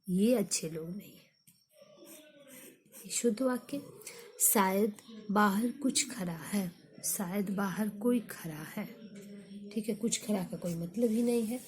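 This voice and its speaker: A woman teaching a grammar lesson, slowly repeating example sentences for her students. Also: mid-range voice, a little mellow.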